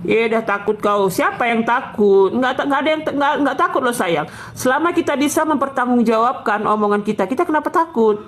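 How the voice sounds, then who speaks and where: Loud, blunt North Sumatran woman. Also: on the high side, a little fast, background noise. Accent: North Sumatran Indonesian. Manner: loud, blunt, sounds angry when calm. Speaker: live streamer. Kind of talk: live stream chatting with viewers.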